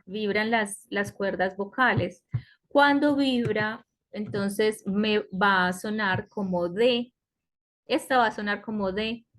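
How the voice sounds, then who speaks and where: A woman teaching an online English class, explaining slowly and patiently and often checking in with her students. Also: medium pitch, fairly bright tone. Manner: slow, patient explaining with frequent checks like "¿cierto?". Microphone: computer mic on a web conference.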